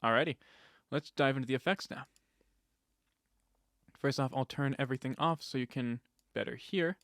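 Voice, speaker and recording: A man's voice: mid-range voice, normal speed, a bit bright, no room sound, clean studio sound. A man giving a casual step-by-step tutorial on voice effects, explaining settings plainly with fillers and restarts.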